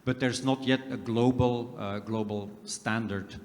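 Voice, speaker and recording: A man's voice: mid-range voice, steady tone, unhurried, a little mellow. A man speaking on a conference panel, explaining step by step with frequent hesitations. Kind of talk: panel discussion. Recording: reverberant conference hall.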